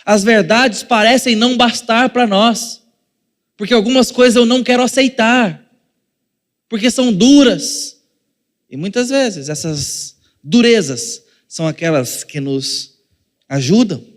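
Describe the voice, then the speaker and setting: A man's voice: high voice, unhurried, in a large hall. A male pastor with a Brazilian Portuguese accent preaching a sermon in a conversational way, acting out little scenes and speaking straight to the congregation. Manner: addresses the congregation directly.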